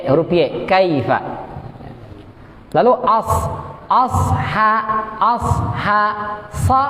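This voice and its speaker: A man teaching Quran recitation rules at a mosque, explaining slowly and chanting verses in a long melodic recitation. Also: high-pitched, a little mellow. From Indonesia. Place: mosque study hall. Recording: dull echoey hall recording.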